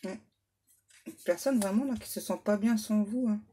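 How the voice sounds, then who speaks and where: A woman medium giving a relaxed tarot reading to her viewers, reassuring them and tacking little asides onto her sentences. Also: mid-range voice, breathy edge. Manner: unhurried, reassuring, full of little "hein" and "ouais" asides; reads English card names aloud. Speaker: medium doing card readings.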